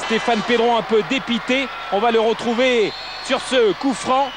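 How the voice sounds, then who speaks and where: A man giving excited football commentary in a dramatic, emphatic raised voice. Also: very high voice, moderate pace. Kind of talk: excited sports commentary over match highlights. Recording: loud stadium crowd noise behind voice. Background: football stadium crowd.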